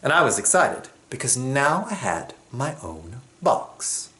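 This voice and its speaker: With a medium-pitched voice and an unhurried delivery, a man from Jamaica recounts a personal story on stage. He is expressive and acts out the words of other people.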